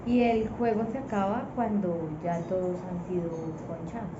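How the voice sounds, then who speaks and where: A woman, calmly explaining childhood games. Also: mid-range voice, normal speed. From Bogotá, Colombia. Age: 40s. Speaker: interviewee, mother. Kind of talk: casual interview answers. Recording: echoey room, muffled, noisy.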